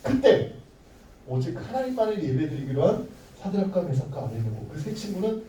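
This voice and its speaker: A man telling a bible story to children as their pastor, playful and animated, asking the kids questions as he goes. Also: high voice, fairly quick. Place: church hall. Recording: echoey room, mic far off.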